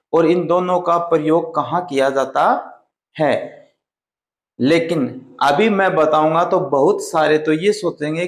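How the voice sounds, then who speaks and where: A man teaches a Hindi grammar lesson in a slow, careful way, stretching out each vowel as he demonstrates it. His voice sits a little high. The recording has the hollow ring of an echoey room. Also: vocal fry. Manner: deliberate, drawn-out sounding of vowels.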